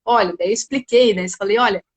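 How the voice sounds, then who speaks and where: A woman's voice: fairly high pitch, moderate pace. A woman speaking at home in a live talk as a parenting guest, often ending phrases with "né?". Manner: tags sentences often with 'né?'. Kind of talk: casual explanation in a live talk.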